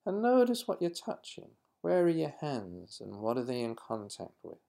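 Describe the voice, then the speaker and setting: A man leading a guided mindfulness exercise in a slow, calm, instructive manner. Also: medium pitch, vocal fry. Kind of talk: guided meditation.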